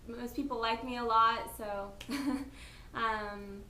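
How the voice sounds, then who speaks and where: A woman's voice: a little high, flat delivery, slow pace, sharp tone, reverberant, slight background noise. A woman in her twenties answering casting interview questions in a chatty, giggly, slightly nervous way. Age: 20s. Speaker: reality show applicant.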